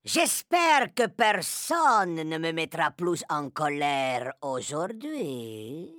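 A woman's voice: low-pitched, very animated, extremely slow, a bit bright, no echo, clean studio sound, exaggerated voice. A woman playing a tyrannical, furious female witch leader who shrieks orders and chants threats in an audio drama. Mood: menacing.

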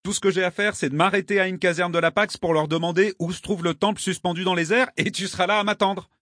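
A melancholy, quietly mischievous young woman speaks in riddles, her voice lifted high above the reader's own, as a man reads her part. The audiobook sound is dry and close. She stays soft and sad. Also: fairly even intonation, quick pace, dry recording. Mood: instructing. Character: young woman, wistful, gently mischievous guide. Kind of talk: audiobook character reading.

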